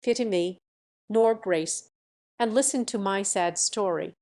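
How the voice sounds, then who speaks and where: A woman's voice: mid-range voice, unhurried, dark tone, natural voice. A woman voicing a vain, scheming young country woman who brags about her beauty, in a storybook reading. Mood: mock lament. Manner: boastful, self-satisfied.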